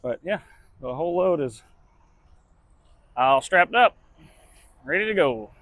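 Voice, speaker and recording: A man's voice: fairly high pitch, lively intonation, takes it slowly, a bit bright, no echo. A truck driver talking casually to his camera while he works, in a laid-back, chatty way with casual swearing. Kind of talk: casual vlog narration.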